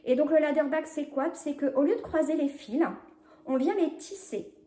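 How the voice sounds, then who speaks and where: A woman's voice: sits high, dark tone. Chatty French-speaking woman, roomy echo. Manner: chatty, hesitant with many fillers, laughs often; speeds up at times, apologizes for talking fast. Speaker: knitting podcast host. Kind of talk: casual knitting vlog chat. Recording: echoey home room.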